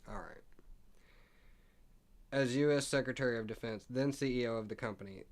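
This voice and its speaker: His voice is mid-range and his speed normal. He's a man running an informal stock market live stream, musing aloud as he reads off on-screen numbers and prices, tripping over words, adding asides, and hiccuping throughout.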